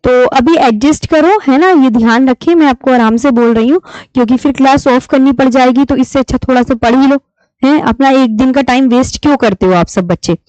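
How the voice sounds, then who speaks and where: A woman teaching a live online class, patiently repeating key terms slowly for her students. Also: sits high, darkish tone, no echo. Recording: dull lo-fi stream audio.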